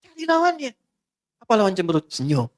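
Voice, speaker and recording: A middle-aged man preaching a relaxed sermon with jokes and acted dialogue. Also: high voice, fairly quick. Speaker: Islamic preacher.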